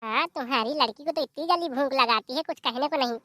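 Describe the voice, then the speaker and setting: Actor doing a snarky young bahu, cartoon, bright dry sound. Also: high voice, quick pace, no room sound. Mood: tart. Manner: sarcastic, tart. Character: tart young daughter-in-law, sister-in-law.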